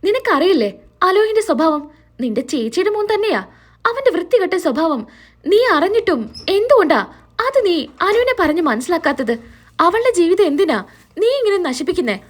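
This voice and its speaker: A stern, scolding middle-aged husband from a retold TV serial drama, read out by a woman narrator. The delivery is indignant and sharp-edged. The voice sits high and moves a lot. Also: very animated, normal speed.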